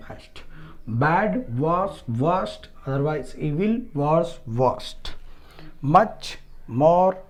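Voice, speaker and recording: A man teaching a grammar lesson, spelling out and repeating word forms in a deliberate, dictation-like way. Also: a little high, a little mellow, highs cut off. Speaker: English teacher. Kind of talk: grammar lesson, switching between English and Hindi.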